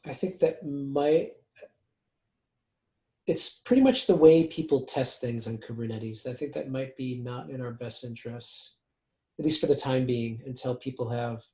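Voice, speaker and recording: A man's voice: medium pitch, measured pace, mellow. A man leading a technical meeting over a video call, talking casually with a dry, sarcastic humor. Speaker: meeting lead. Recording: roomy video call audio.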